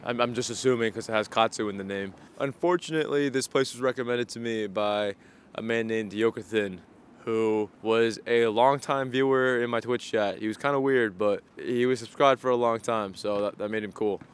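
A man's voice: mid-range voice, normal speed, clean tone. A man in his twenties chatting casually in a food vlog, joking and laid-back, recorded on a clip-on mic. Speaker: food vlogger. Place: outdoors on a city street, then inside a busy small restaurant. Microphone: small clip-on mic on shirt.

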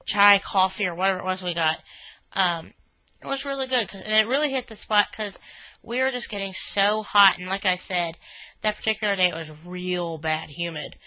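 A woman's voice: mid-range voice, pushed and bright, no echo. Woman, meandering casual monologue, dry close sound, dull webcam audio. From Northern Kentucky, USA. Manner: chatty, meandering, many fillers like "you know". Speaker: vlogger reviewing a restaurant.

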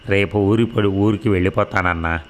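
A man reading the lines of a quiet, respectful young man speaking to his elder brother, in a low voice. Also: steady tone, normal speed, slight background noise, close to an everyday voice. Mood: calm, respectful.

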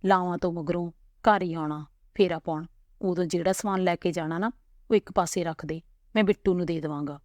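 A woman's voice: fairly low pitch, fairly even intonation, fairly quick, darkish tone, no room sound, muffled recording, natural voice. Malkit, a fond village father, voiced by a woman. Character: proud, tender middle-aged village father.

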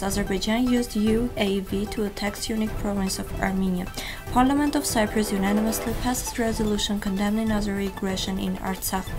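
Reading a news bulletin in a television studio, a young woman keeps a steady, formal newsreader's delivery in a mid-range voice.

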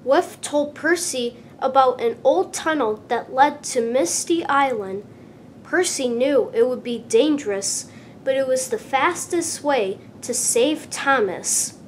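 A high-voiced woman narrates a children's storybook, taking her time over each phrase with expressive, deliberate delivery. Clear rumbling noise runs behind her.

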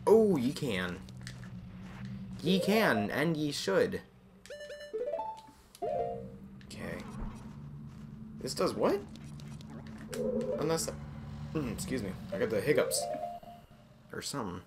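Woman gamer with a strikingly low, lively voice, slow musing commentary, game music clearly behind. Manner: thinking aloud, muttering to herself between sudden exasperated outbursts. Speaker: video game player. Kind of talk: let's-play commentary.

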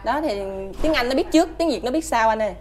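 A woman's voice: high voice, expressive, fast talker, darkish tone, faint music behind. A woman with a Southern Vietnamese accent answering interview questions about her child, hesitant and polite, with many fillers.

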